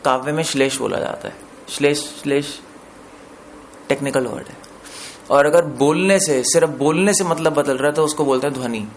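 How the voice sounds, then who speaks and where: A man with a fairly high voice teaching scripture to a gathering, pausing to quiz his listeners and slipping English terms into his explanation. A faint hiss sits under the recording. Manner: explains with questions to listeners, mixes in English words. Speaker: preacher. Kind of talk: scripture discourse.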